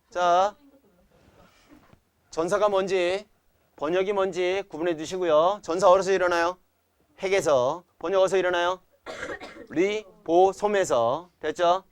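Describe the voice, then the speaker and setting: Male science teacher, young adult, upbeat lecturer who drills students with repeat questions; voice sits slightly high, dry close sound. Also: smooth, dry recording. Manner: playful chanting of memory tricks. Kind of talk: classroom lecture. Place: classroom.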